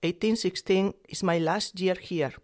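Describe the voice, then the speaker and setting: A woman's voice: on the low side, steady tone, measured pace, lightly acted. A woman doing a fed-up old donkey, Spanish accent. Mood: exasperated. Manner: exasperated outbursts.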